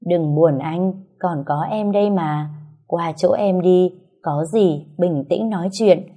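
A woman voicing a gentle young woman who speaks softly and coaxingly. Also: lowish voice, slow. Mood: tender. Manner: soft, coaxing.

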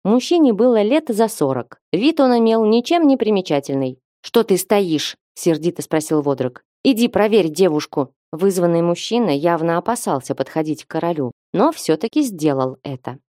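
A woman narrating an audiobook in a steady storytelling manner, recorded close to the mic. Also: on the low side, brisk, few pauses, no echo. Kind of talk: scripted narration.

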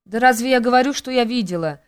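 A woman's voice: a little high, fast, clear, resonant tone, pitched above the performer's own voice, natural voice. Woman playing a haughty, bored countess. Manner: careless and mocking.

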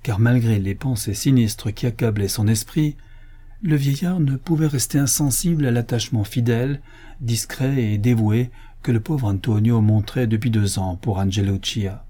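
A man reading a story as an audiobook narrator, in a measured, even manner. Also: mid-range voice.

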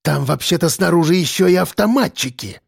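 A man voicing an arrogant, spoiled young man who sneers and breaks into shrill outbursts. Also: sing-song, moderate pace, a little mellow, dry recording, studio quality. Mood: hissing.

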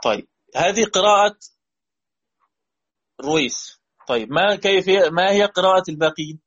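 Egyptian-accented male teacher, husky, slightly high, checks understanding often; muffled lo-fi audio. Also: normal speed, fairly bright tone. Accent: Egyptian Arabic. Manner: questioning students, repeating key phrases. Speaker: Quran recitation teacher. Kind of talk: lesson. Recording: dull lo-fi recording.

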